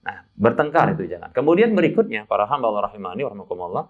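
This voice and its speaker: A man guiding pilgrims through a religious lesson, chatty and lively, laughing at his own stories. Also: lowish voice, rapid-fire. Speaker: umrah guide teaching pilgrims. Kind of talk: religious instruction talk. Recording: dull lo-fi sound.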